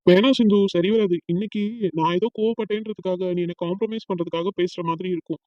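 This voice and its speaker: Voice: mid-range voice, steady tone, fast, a little mellow, no room sound, highs cut off, natural voice. A performer voicing a hurt, resentful young man in a cartoon, brooding and bitter.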